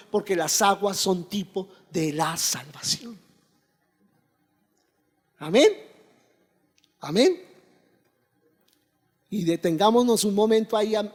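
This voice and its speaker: A man preaches a sermon in a strikingly high voice. He keeps asking questions and answering them himself, punctuated by amens. His voice rings out with a long reverb in a church hall. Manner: preaching with call-and-response questions and repeated amens. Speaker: pastor.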